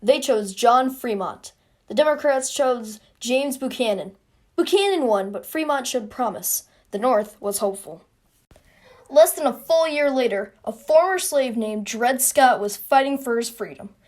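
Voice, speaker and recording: A woman's voice: a little high, animated, a little slow. A young woman narrating a sarcastic comic history explainer, recorded on a phone. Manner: sarcastic, playful. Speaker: video creator.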